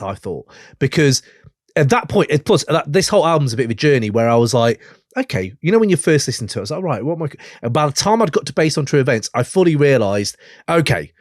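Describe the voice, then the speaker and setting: A man's voice: no room sound, studio quality. A man co-hosting a music podcast, talking casually and swearing often. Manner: animated, swearing, mimics lines with big pitch jumps. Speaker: podcast co-host. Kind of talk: casual chat.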